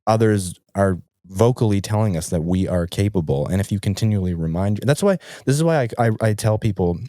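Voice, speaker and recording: Deep-voiced man host with a sick voice. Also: dark tone, dry recording, clean studio sound. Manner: earnest, coaching questions. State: sick, low voice. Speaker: podcast host. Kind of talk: conversational interview.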